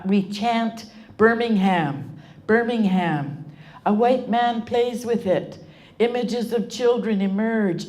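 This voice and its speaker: A woman author giving a live reading of her own poetry, with a measured, rhythmic delivery. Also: medium pitch, dark tone. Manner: emotionally moved at points.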